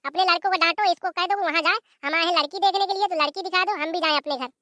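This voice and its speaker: A voice artist plays a young son-in-law in a comedy cartoon who keeps complaining that he is being insulted. The voice is very high and bright. The recording is close and dry. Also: fast, no room sound. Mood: aggrieved.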